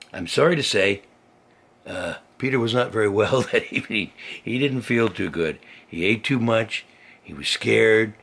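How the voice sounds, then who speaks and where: An older man reads a children's story aloud like a grandfather, folksy and chatty, tossing in simple asides as though to a small child. His gravelly, husky voice sits on the low side yet has a fairly bright tone.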